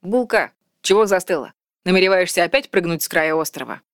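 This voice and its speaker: A woman's voice: on the low side, animated, fairly quick, no room sound, clean studio sound. A woman voicing a cocky young male priest who teases with a nickname and brags. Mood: teasing. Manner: teasing, boastful.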